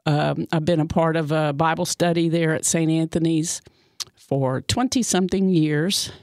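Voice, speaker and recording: A woman's voice: low voice, steady tone, normal speed, darkish tone, no room sound. A woman, hosting a radio talk show in a chatty, bubbly manner with many fillers. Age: 60s. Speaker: radio host. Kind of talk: casual radio chat. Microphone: studio mic. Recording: dry studio sound.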